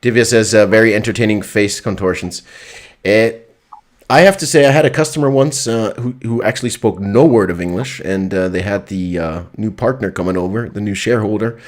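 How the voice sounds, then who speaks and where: A man's voice: on the low side, a little fast. A man co-hosting a live online show, talking in a loose, chatty way with plenty of fillers. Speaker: co-host. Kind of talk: casual live-stream chat.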